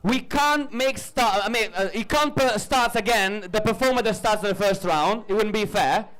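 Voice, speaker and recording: A man's voice: high-pitched, moderate pace, a bit bright, low-quality recording. A man hosting a live stage event, chatty and playful, rambling through his explanations. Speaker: event host.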